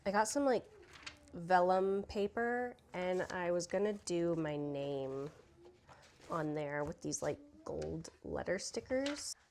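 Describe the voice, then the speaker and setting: A young woman with a cold, a book vlogger, chats casually about books at home while crafting, with children nearby. Her low, darkish voice is full of "like" and "um," punctuated by sniffles, over a slight hiss or hum.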